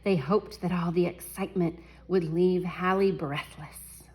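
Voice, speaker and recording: Lower-voiced teacher reading a picture book. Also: female voice, measured pace, slightly rough, rough recording. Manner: animated, chuckles while reading, talks to children. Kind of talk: children's read-aloud storytime.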